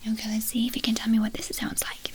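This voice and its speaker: Whispering woman in fast ASMR whispered role-play. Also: a little high, monotone. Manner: fast, brisk, instructing. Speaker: ASMR performer playing a medical examiner.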